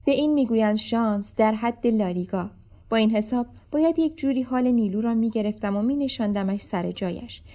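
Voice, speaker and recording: Mellow-voiced woman narrating a storybook. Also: a little high. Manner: lively, expressive first-person storytelling.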